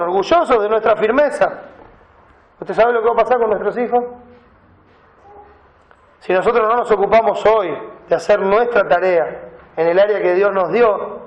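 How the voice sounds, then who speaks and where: A pastor delivers his sermon in a high voice, reading Bible verses and unpacking the words. The sound rings around a reverberant church hall. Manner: preaching, reads scripture aloud and explains Greek words.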